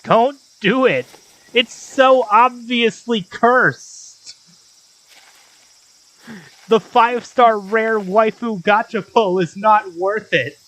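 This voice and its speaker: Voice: medium pitch, slow pace, fairly bright tone, low-quality recording. A let's play host giving casual gameplay commentary with sarcastic, joking asides. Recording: game music playing behind.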